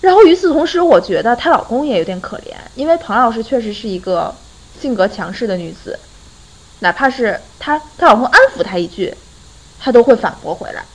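A young adult woman hosting a podcast retells a friend's story in a casual chat, lively and often breaking into laughter. Her voice is on the high side and fairly quick, and the audio is poor.

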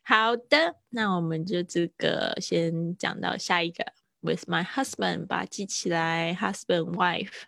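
A woman's voice: lowish voice, a little slow, gravelly, bright, forceful tone, no echo, clean studio sound. A woman English teacher, giving a live-streamed lesson in a chatty, patient way with frequent laughter.

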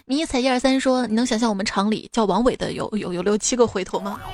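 Over background music, the host of a comic show built on listener stories reads out comments and tosses in informal, playful remarks. Her voice is a little high with a darkish tone, and she talks fast.

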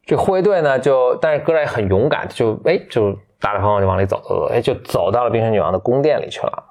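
A man casually retelling a fairy tale from memory, loose and halting, with many restarts and fillers. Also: mid-range voice, expressive, darkish tone. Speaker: storyteller.

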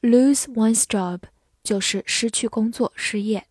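A woman teaching English vocabulary, who spells each word letter by letter and reads the example sentences slowly. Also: on the high side, a little mellow, breathy edge, no room sound, studio quality. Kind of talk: vocabulary lesson with slow model readings.

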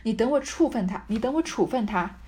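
A woman's voice: on the high side, animated, brisk, a little mellow, close to an everyday voice. A woman voicing an anxious, scolding older mother from a classic novel. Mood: soothing. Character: fretful older mother of a rich household.

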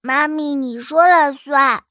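A woman voicing a sweet, clingy little boy in a storybook reading, in a childlike, drawn-out way. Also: high voice, sharp tone, no room sound, studio quality, heavily acted.

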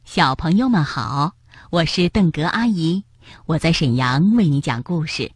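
A woman reading a picture book aloud to children in a gentle, expressive storytelling manner. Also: sits low, unhurried, husky, no room sound, studio quality.

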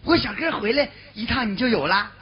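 In a comic stage duet, a woman plays a brash young brother-in-law, trading teasing, boisterous banter in a Northeastern Chinese accent. Her voice is on the high side, expressive and brisk, close to an everyday voice. The recording is slightly dull with faint noise.

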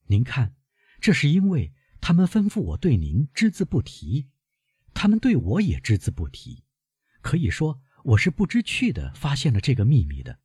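A worried young woman presses her grandfather with one urgent question after another, as a male narrator lifts his voice for her. Her tone is husky and breathy, and it sits close and dry with no room around it. This is storybook reading. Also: lowish voice, warm tone, no room sound, voice pushed up, full character voice.

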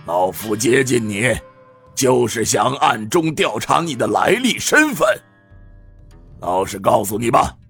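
A male storyteller voicing a stern, vengeful old man in his seventies or older, who denounces an enemy slowly and weightily in a gravelly voice. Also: medium pitch, a bit bright, heavily acted. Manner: slow, weighty denunciation.

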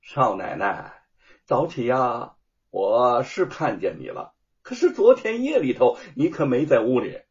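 A spiteful elder wife probes and mocks in a sly, half-laughing tone, as a male storyteller puts her on. Her pitch rises and falls a lot. The recording is muffled. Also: very animated, unhurried. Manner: mocking, half-smiling, needling. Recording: dull lo-fi audio.

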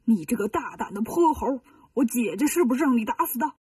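A woman's voice: on the high side, lively intonation, a little fast, a little mellow, husky, no room sound, clean studio sound, far from the mic. A woman voicing a hot-headed, blustering male demon lord in a children's storybook. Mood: furious.

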